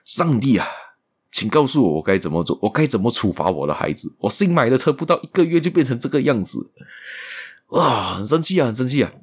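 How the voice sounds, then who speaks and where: A man voicing a tired father in a told story, speaking a little higher than his own narrating voice. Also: sing-song, normal speed. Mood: upset. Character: tired father, fond of his new car.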